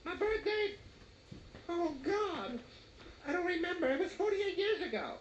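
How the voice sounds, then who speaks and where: A squeaky childlike middle-aged man. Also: expressive, a little slow, reverberant, muffled recording, a little hiss or hum. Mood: nervous, eager. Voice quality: high, innocent and eager. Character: simple-minded childlike 48-year-old man.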